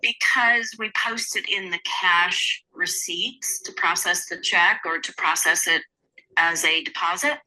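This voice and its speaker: Woman on a speakerphone, very bright. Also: fairly low pitch, unhurried, low-quality recording. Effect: heard over a speakerphone. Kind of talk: casual explanation on a call.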